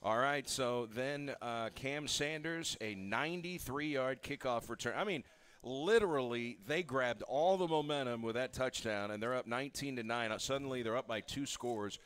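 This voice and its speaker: A man's voice: mid-range voice, moderate pace, a bit bright, clean tone. A man hosting a sports interview show, eagerly recapping plays with stats before asking the coach questions.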